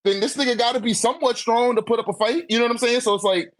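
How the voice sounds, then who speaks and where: In a casual fan debate, an American man talks in a very high-pitched, rapid-fire voice. He swears freely, leans on slang and filler, and keeps repeating "like" and "you know what I'm saying."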